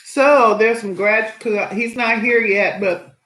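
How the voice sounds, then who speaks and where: A woman's voice: mid-range voice, steady tone, measured pace, fairly bright tone, echoey room, slight background noise, poor audio. A woman hosting an aquarium channel in casual live-stream chat, cheerful and chatty as she greets viewers.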